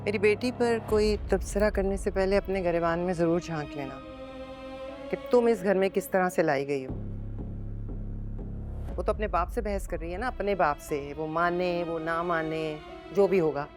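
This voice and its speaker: An actress playing a sharp-tongued middle-aged aunt in a drama, with a Pakistani accent, speaking in a taunting, confrontational way. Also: female voice, low voice, measured pace, hardly any pauses, faint music behind. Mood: taunting, angry.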